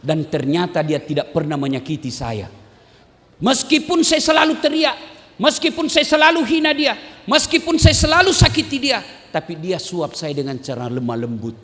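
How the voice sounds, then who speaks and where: Man doing blind old market man, high shouting voice, sharp and forceful, loud long hall echo. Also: moderate pace. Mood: tearful remorse. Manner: shrill shouting insults. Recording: reverberant mosque hall over loudspeakers.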